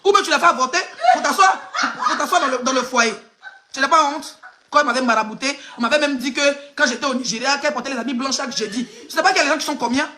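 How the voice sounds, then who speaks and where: A woman's voice: sits high, quick pace, background noise. A woman from Côte d'Ivoire with an Ivorian French accent, doing live gossip commentary in a mocking, emphatic way that speaks straight to the person she criticizes. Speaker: online gossip blogger.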